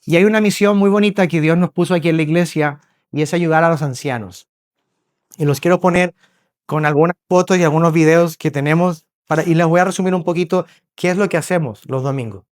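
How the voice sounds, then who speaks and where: A man from Spain preaching a sermon, telling lively stories, acting out voices and often checking in with his listeners. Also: a little high, a little fast, clean tone, no echo, studio quality. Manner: animated storyteller, acts out voices, checks in with listeners. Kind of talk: sermon with storytelling. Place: church hall.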